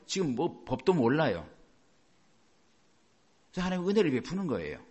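A man's voice: fairly high pitch, slightly rough. A man preaching a sermon, telling stories and posing rhetorical questions to the congregation. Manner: animated storytelling with rhetorical questions. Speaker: pastor.

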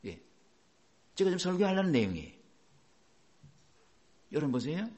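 A middle-aged pastor preaches a sermon at normal speed, his pitch lively and swinging. He repeatedly asks the congregation questions and then answers them himself.

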